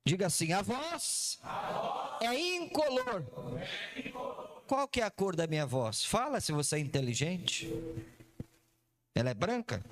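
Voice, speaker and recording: A man's voice: on the high side, very animated, moderate pace, noisy background. A man with a Brazilian accent preaching a sermon to a live church congregation, theatrical and full of questions to his listeners. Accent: Brazilian Portuguese. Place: church service before a congregation.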